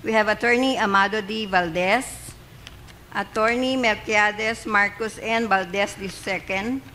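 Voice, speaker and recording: A middle-aged Filipino-accented woman reads a formal roll as clerk of court. Her pitch is average for a woman, and she enunciates each name deliberately. Faint noise of the hall sits behind her. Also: sharp tone. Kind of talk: formal roll call, reading case titles and names aloud.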